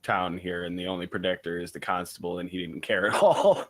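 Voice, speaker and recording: A man playing a tabletop game, playful and quick to jump into character. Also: low-pitched. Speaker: player. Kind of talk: casual tabletop play.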